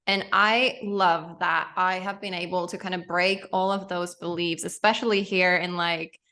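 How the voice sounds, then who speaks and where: A woman's voice: fairly low pitch, fairly even intonation, moderate pace, bright, forceful tone. A woman hosting an interview, chatting casually and rambling with many restarts. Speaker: podcast host.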